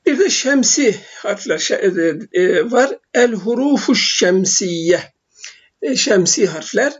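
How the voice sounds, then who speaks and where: Halting male Arabic teacher, lo-fi. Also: high voice, animated, breathy edge. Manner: slow, halting, frequent filler sounds while explaining. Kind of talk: recorded language lesson. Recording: dull lo-fi recording.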